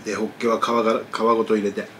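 A man's voice: fairly low pitch, flat delivery, fast talker, fairly bright tone, slight background noise. A man vlogging about food, chatting casually while eating and telling a rambling story with many asides.

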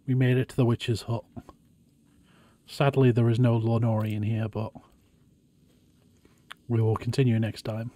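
A man's voice: medium pitch, flat delivery, a little slow, pauses often, warm tone. A man streaming a game, giving casual live commentary to his viewers.

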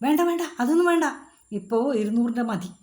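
A woman's voice: a little high, expressive, normal speed, darkish tone, lightly acted. A woman voicing a fussy, forgetful old village grandmother, scolding and easily fooled. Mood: anxious. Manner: fretful, scolding, gullible.

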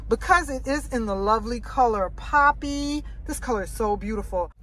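A woman's voice: mid-range voice, fairly bright tone. Chatty Midwestern woman vlogging in her car. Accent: American Midwest. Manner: chatty, repeats "you guys". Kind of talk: casual vlog talk to camera. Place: inside a parked car.

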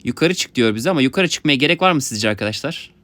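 A young man giving excited let's-play commentary, talking to his viewers and yelping at his mishaps. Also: medium pitch, fast talker, no echo. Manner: excitable, yelps and laughs at mishaps, talks to viewers. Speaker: gaming YouTuber.

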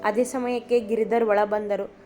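A woman's voice: medium pitch, flat delivery, moderate pace. A woman reading a family love story aloud as a storyteller, with feeling in the dialogue. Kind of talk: storybook narration. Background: soft instrumental music.

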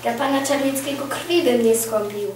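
A woman reading a historical novel aloud at a library contest, giving the characters lively voices. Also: high-pitched, normal speed, soft background music. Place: library room. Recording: very echoey room, mic far off.

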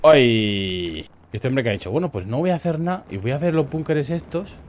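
A man with a Murcian Spanish accent giving casual, crude, joking commentary over a shooter game, often bursting into loud yelps. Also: mid-range voice, expressive, moderate pace, slight background noise. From Murcia, Spain. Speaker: gameplay commentator.

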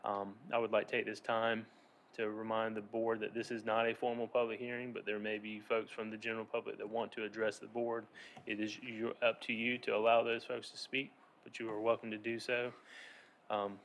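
A man in his thirties delivers a formal staff report at a council-chamber podium, speaking into the podium microphone. His delivery is steady and procedural, with little rise and fall in pitch and the odd filler between points. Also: slight background noise, low-quality recording. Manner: measured, procedural, with frequent fillers. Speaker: city senior planner.

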